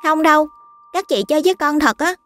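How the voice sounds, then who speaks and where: Woman voicing a sulky little boy, high and whiny, storybook reading. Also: fairly quick, fairly bright tone, faint music behind. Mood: earnest. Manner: whiny, pleading childlike voice. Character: small boy, sulky and stubborn.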